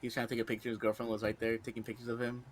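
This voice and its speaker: A man in casual podcast chat, telling animated anecdotes with a quick laugh. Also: mid-range voice, slight background noise. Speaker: podcast co-host.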